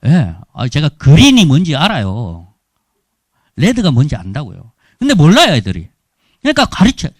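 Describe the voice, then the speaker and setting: A man's voice: fairly high pitch, dry recording. A middle-aged man with a Gyeongsang Korean accent, giving a humorous missionary testimony in a church. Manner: lively storytelling with humor. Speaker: missionary speaker. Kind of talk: testimony sermon.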